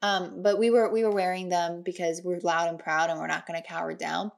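A young adult woman co-hosting a casual political podcast, telling stories animatedly and restarting words when she gets excited. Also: on the low side, brisk, vocal fry. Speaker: podcast co-host.

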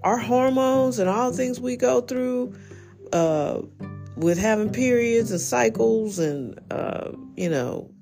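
A woman's voice: fairly high pitch, slow, gravelly. Candid woman talking, faint guitar behind. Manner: candid, reflective, laughs often, many restarts. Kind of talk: casual personal monologue.

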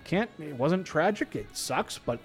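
A man's voice: fairly high pitch, big pitch swings, unhurried, faint music behind. A man with a Boston accent hosting a radio show in casual, jokey banter, rambling and repeating words, with some swearing.

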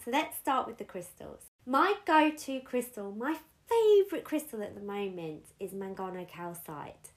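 A woman's voice: on the high side, sing-song, moderate pace, few pauses. A woman giving an earnest, conversational spiritual guidance talk, leaning on emphatic repetitions. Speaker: spiritual guide.

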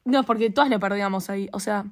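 A woman's voice: medium pitch, fast. A young woman with a Uruguayan Spanish accent, chatting casually and animatedly and asking playful questions. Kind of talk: casual chat.

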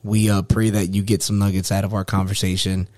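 Low-voiced, earnest man hosting a podcast. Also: level tone, a little mellow, no echo, clean studio sound. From New York, United States. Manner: earnest, halting with repeated phrases. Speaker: podcast host. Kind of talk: casual podcast chat.

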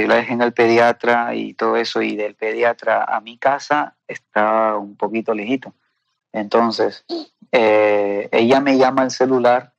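A man with a gravelly, creaky voice tells a heartfelt personal testimony. He speaks haltingly and earnestly, often checking in with tag questions. The sound is close and dry, with no room echo. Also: on the low side. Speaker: guest sharing a personal testimony.

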